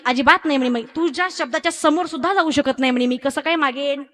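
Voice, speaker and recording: A woman's voice: sits high, fast, fairly bright tone, in a large hall. A woman with a Marathi accent preaching a devotional kirtan sermon, telling a story animatedly, acting out the characters' voices and talking directly to the audience.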